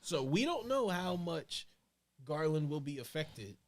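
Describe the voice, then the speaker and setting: A male co-host with a fairly high, bouncy voice that swings widely in pitch. He banters casually, needling his friends and chuckling as he builds his jokes. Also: very animated, unhurried, crowd noise. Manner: teasing, laughing jokes at friends. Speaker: podcast co-host. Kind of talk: casual sports podcast banter.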